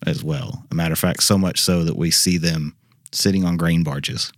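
A man's voice: deep voice, steady tone, moderate pace, no echo. A man talks as an expert guest. He explains things informally, in everyday conversational words, in a dry interview recording. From Arkansas, United States. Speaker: guest expert, university biologist and teacher. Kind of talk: casual interview talk.

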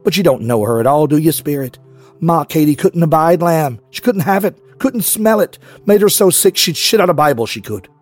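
A man voicing a defiant, teasing young witch girl in a raised, quick voice. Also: on the high side, lively intonation, faint music behind, pitched above the performer's own voice. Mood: scornful.

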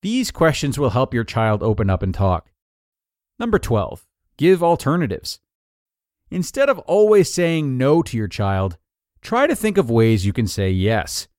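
A man narrating an article of numbered tips in a clear, even, scripted read-aloud delivery. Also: medium pitch, measured pace, no room sound, studio quality.

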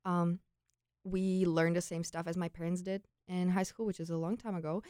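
This young adult from Prague, Czech Republic, has a fairly low, dark, clean voice that stays steady at a moderate pace, recorded studio-quality with no room sound. As a former exchange student guesting on an interview, she relates personal stories informally in a Czech accent, using "like" and quoted thoughts often.

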